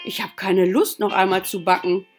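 A woman's voice: medium pitch, fairly even intonation, normal speed, husky, faint music behind, natural voice. A woman voicing a startled, playful mother in a children's story she reads aloud. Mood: mock dismay.

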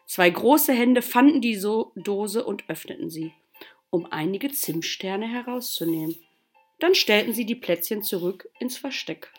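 A woman teacher reading a children's story aloud to her class, slow and expressive. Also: medium pitch, faint music behind.

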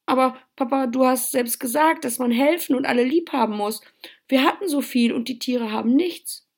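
An eager little boy rabbit from a Christmas storybook, as a woman puts him on. He sounds bright, earnest and excited, and he leans forward into every word. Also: on the low side, normal speed. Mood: pleading.

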